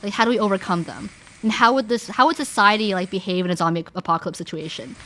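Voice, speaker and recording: A young Canadian woman chats casually and animatedly with viewers on her stream, speaking quickly in a mid-range voice. Her talk is full of "like," and she often restarts her sentences.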